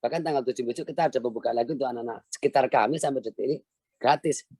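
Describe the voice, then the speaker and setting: A man's voice: medium pitch, very fast, darkish tone, breathy edge, dry recording. A middle-aged man gives an earnest, motivational online lecture. He is the founder of a language village and repeats key phrases for emphasis. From Central Java, Indonesia.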